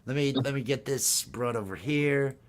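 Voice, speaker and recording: A man's voice: medium pitch, moderate pace. Guy hosting a live stream, casual chat, laughs a lot, keeps restarting his sentences. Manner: excitable, laughs often, trails off into restarts.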